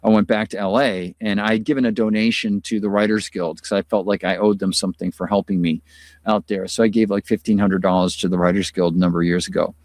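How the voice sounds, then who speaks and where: A man's voice: fairly low pitch, fairly even intonation, fast, a little mellow, no room sound, studio quality. A middle-aged man from the United States hosting a live stream, chatting in a rambling, casual way with many fillers and sounding tired from illness. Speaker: host.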